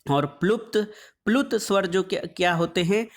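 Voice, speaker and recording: A man teaching an exam-prep lesson on Hindi phonetics, reading quiz questions and then explaining the answers, drawing out letter sounds slowly as he lists them. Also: high voice. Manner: draws out sounds slowly when listing letters; calls the audience "friends".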